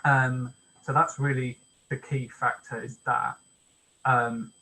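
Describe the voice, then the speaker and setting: A man of average pitch leads a poetry workshop, explaining ideas step by step. He talks casually and hesitantly, filling pauses with ums. A faint hiss of noise sits under the recording. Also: level tone, sharp tone, poor audio. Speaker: workshop leader. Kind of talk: informal online workshop lecture.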